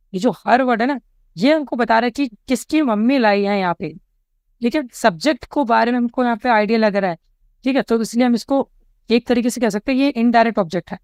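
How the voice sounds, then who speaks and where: A man with an Indian English accent teaching an exam-prep lesson. He reads each English question slowly, then explains it, often checking in with the students. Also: extremely high pitch, a little mellow, smooth, dry recording. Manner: explanatory, keeps checking in with "ठीक है?".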